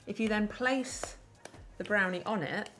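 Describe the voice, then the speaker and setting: A woman's voice: mid-range voice, measured pace, fairly bright tone, soft background music. A woman hosting a baking show, chatting casually and explaining each step with easy laughs. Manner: chatty, explains steps while laughing along. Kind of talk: casual baking demonstration chat.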